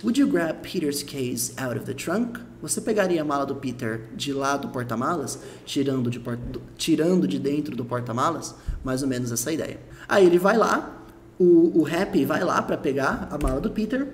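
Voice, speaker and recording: A man's voice: fairly high pitch, lively intonation, normal speed, slight background noise. A Brazilian man teaching a lesson, explaining patiently, repeating his points and checking the listener follows. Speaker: English teacher.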